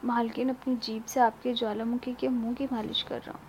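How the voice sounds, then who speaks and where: A woman voicing a shy, eager young male servant in a spoken story, with a slightly high, gravelly voice on a dull lo-fi recording. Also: level tone, fairly quick, a little mellow. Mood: coaxing.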